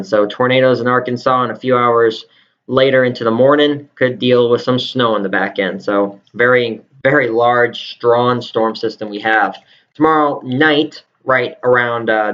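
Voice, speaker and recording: A man works as a live storm forecaster, talking through radar in an improvised, explanatory way. His pitch sits in an ordinary middle range. The recording is slightly dull and lo-fi. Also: a bit bright. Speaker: live severe weather forecaster. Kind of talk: live weather radar commentary.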